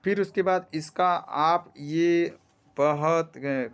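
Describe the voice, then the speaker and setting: Slightly high-voiced male grammar teacher. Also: fairly bright tone, smooth. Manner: explains slowly with frequent "ठीक है" checks; drawn-out vowels when demonstrating sounds. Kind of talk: Hindi grammar lesson.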